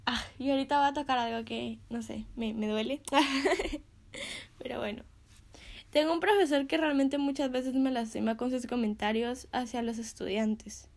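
A woman's voice: high-pitched, steady tone, moderate pace. A young woman sharing a casual devotional talk, chatty and full of fillers, often laughing between phrases.

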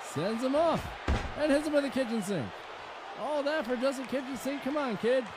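A very high-pitched wrestling commentator, put on by a man, calls the action with punchy, emphatic force. He is excitable and often breaks into shouting. The recording is very noisy, with a loud crowd roaring behind him. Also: moderate pace. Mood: punchy, focused. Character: excited male pro wrestling commentator calling moves. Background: loud crowd noise.

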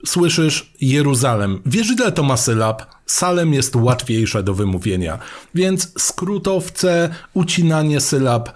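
A man in a medium voice co-hosts a relaxed film podcast. He jokes and wanders off track, often pausing on fillers. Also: mid-range voice. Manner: playful, joking, meandering with frequent fillers. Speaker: podcast co-host. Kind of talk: casual film podcast chat.

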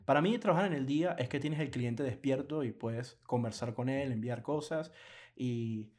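A man co-hosting a casual podcast chat, animated and laughing often, acting out quoted clients in lively bursts. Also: medium pitch, normal speed. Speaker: podcast co-host.

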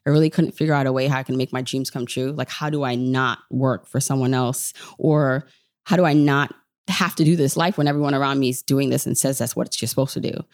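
Her voice is a rumbling low with a steady tone, and she speaks a little fast; the recording is dry and studio quality. She's a Jamaican-born woman in her 30s raised in New York, a personal finance podcaster appearing as a guest. She tells informal, chatty stories, quoting what she told herself.

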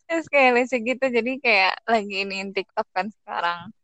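A young woman, co-hosting a casual podcast and telling stories in an animated way, acting out the voices she quotes. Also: fairly high pitch, normal speed, dry recording. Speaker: podcast co-host.

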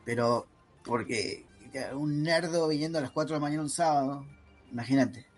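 A man with a fairly high voice and a Rioplatense accent jokes and swears in loose podcast banter. His talk is slangy and relaxed, with faint music underneath. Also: normal speed. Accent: Rioplatense Spanish. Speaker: podcast co-host. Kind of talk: casual banter.

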